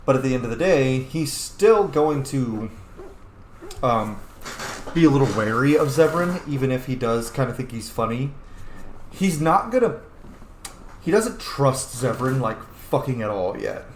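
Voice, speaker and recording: A man with a medium-pitched voice, lively intonation and a measured pace narrates his roleplay playthrough of a game, musing in a casual, informal way. He mixes laid-back game commentary with reading in-character dialogue, and the recording has a roomy echo and faint background noise.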